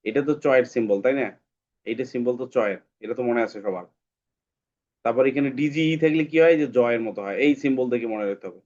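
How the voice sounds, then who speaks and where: A man's voice: medium pitch, quick pace, a little mellow, dull audio. A man teaching English phonics, repeating each sound several times for the class. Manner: drills sounds by repeating them many times. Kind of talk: online phonics lesson.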